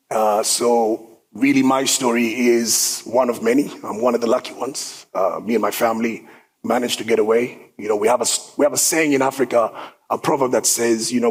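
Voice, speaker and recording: Upbeat man in his thirties, from South Sudan, husky tone at middle pitch, speaking casually to an event crowd. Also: rough recording. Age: 30s. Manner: upbeat, conversational, with filler words. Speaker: guest speaker. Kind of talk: personal story talk. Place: event hall.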